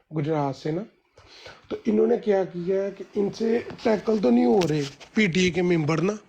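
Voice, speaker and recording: A man's voice: sits high, warm tone. A man in rambling, heated political commentary on a group call, full of restarts and fillers.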